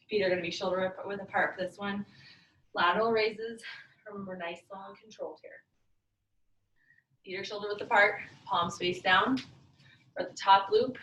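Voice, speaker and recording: A woman coaches a workout like an aerobics instructor, with short, commanding and encouraging cues at a middling pitch. Her voice carries from a distance in a roomy, echoing space, with faint noise in the recording. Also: a bit bright, dull audio. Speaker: fitness class instructor. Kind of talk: aerobics instructor cueing a live workout with counts and breathing cues. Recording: roomy echo, far from mic, faint noise.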